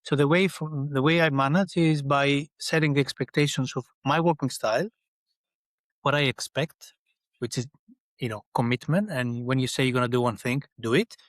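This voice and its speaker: A man's voice: mid-range voice, moderate pace, no room sound. A middle-aged man from Greece, a guest in a podcast interview, speaking in a thoughtful way with many restarts. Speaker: guest, engineering leader. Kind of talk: conversational interview.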